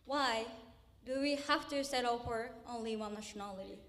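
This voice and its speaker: Young woman from Japan, bright high voice, earnest contest speech with pointed pauses. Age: young adult. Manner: earnest, with deliberate emphatic pauses. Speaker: university student speech contestant. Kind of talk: memorized speech contest address. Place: university auditorium stage.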